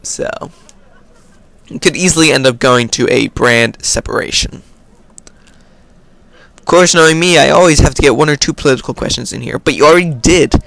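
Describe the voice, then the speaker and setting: American dude doing a q&a vlog, gravelly voice, reads questions then answers kinda offhand. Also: male voice, a little high, moderate pace, pauses often, fairly bright tone, no room sound. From United States. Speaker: video host. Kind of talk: casual Q&A vlog.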